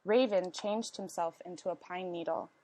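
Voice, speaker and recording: A woman reading a storybook aloud as narration, with expressive, deliberate phrasing and questions to her listeners. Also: lowish voice, dry recording, rough recording. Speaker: storyteller reading a picture book.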